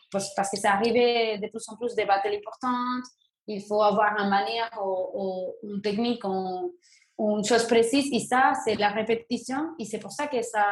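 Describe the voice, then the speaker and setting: Hesitant young woman. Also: medium pitch. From Venezuela. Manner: halting, frequent restarts and fillers. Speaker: guest, breakdancer. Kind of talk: casual interview answers. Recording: roomy echo.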